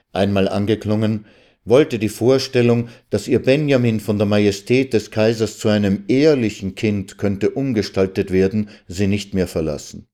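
A man reading a literary story aloud in a measured, calm way. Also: lowish voice. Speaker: narrator.

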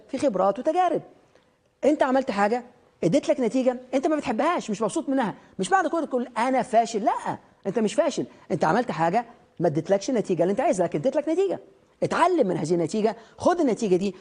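A man with an Egyptian Arabic accent delivers a motivational lecture at a rapid clip. His voice is somewhat husky, and he speaks straight to the listener with commands and questions. He drives each point home by repeating it. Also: very high voice, big pitch swings, darkish tone.

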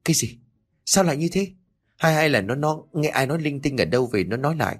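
A man's voice: a little high, lively intonation, fast talker, breathy edge, pitched above the performer's own voice. A man reading a shaken village husband. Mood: startled. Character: shaken middle-aged village husband, rattled. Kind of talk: audiobook character voice.

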